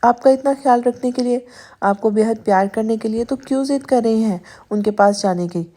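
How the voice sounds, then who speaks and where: A woman's voice: fairly high pitch, warm tone, natural voice. A woman voicing a possessive, stern young husband who turns coaxing, in a spoken storybook. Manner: firm, turning tender then sulky.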